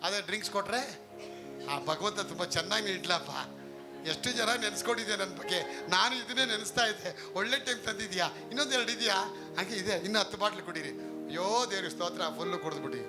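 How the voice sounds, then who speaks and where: A man's voice: high-pitched, a little fast, over music. A male pastor preaching a live sermon, emphatic, often asking the congregation questions.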